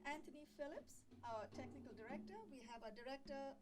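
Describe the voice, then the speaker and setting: A woman hosting a yoga show in a TV studio, chatting warmly and encouraging viewers, laughing easily. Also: high voice, brisk, recorded from a distance. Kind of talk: friendly studio chat.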